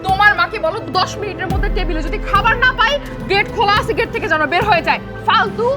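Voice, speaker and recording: An actress playing a spiteful, bossy wife. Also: female voice, very high voice, fast, over music. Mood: scornful. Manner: scornful, bossy. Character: cruel, arrogant young wife, spiteful. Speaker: daughter-in-law. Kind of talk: TV drama acting.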